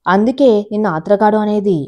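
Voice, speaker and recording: A woman's voice: mid-range voice, brisk, mellow, lightly acted. Woman doing pushy eager young men.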